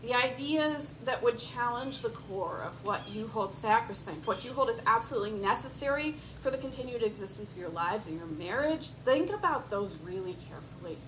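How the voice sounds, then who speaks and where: A woman officiant giving a wedding speech with deliberate, emphatic phrasing and light humour. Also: fairly high pitch, lively intonation. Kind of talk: wedding ceremony speech with advice. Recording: clear insect and outdoor background noise.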